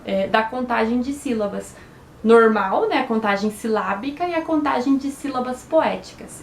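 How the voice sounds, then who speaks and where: A Brazilian teacher explaining poetry to children, slowly and patiently, often with a questioning "né?" and sounding out syllables. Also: female voice, high voice, echoey room, a little hiss or hum. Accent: Brazilian Portuguese. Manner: slow, syllable-by-syllable explanations with frequent "né?". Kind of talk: online lesson for children.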